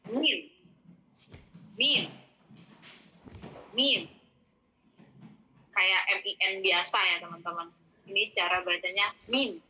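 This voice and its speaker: A young woman runs a relaxed vocabulary lesson and goes slowly and patiently, repeating each word over and over. Her voice is very bright and a little husky. The recording sounds dull and lo-fi. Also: mid-range voice. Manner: slow and patient, repeats each English word several times. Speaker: English vocabulary teacher.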